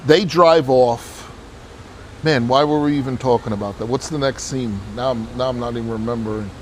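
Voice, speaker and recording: A man's voice: mid-range voice, steady tone, moderate pace, a little hiss or hum. A man venting bluntly about a movie in a casual chat outdoors, swearing and complaining freely. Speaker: movie reviewer.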